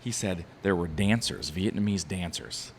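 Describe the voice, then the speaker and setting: A man's voice: low voice, normal speed, slight background noise. A man co-hosting a casual podcast, telling stories in a rambling way with lots of restarts. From Ohio. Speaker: podcast co-host, bar owner. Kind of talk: casual chat. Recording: long reverb, faint background ambience.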